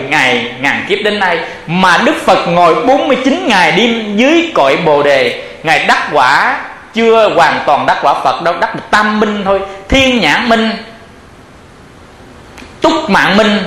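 A man who is a Buddhist monk, giving a lively dharma talk with rhetorical questions and frequent laughter. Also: sits high. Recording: echoey room.

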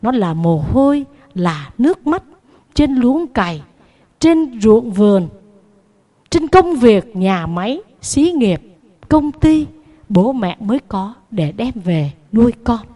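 A woman preacher, a Buddhist nun, tells a moral story to a group of children. She is animated and lets her voice rise and fall in both pitch and loudness. Her voice sits fairly high. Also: slow.

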